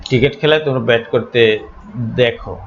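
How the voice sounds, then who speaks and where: A man teaching an English grammar lesson, speaking deliberately, spelling out letters and pausing on frequent fillers. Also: medium pitch, highs cut off, a little hiss or hum.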